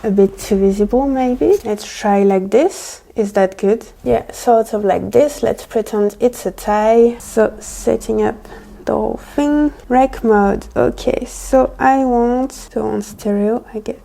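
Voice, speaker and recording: A woman with a soft-edged, mellow voice on the higher side talks through a casual ASMR unboxing. She speaks in an unhurried way, rambling and thinking aloud as she tries out each feature. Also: fairly even intonation, gravelly, rough recording. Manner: rambling, thinking aloud while testing gear. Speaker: product reviewer. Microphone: close wireless lavalier microphone being tested.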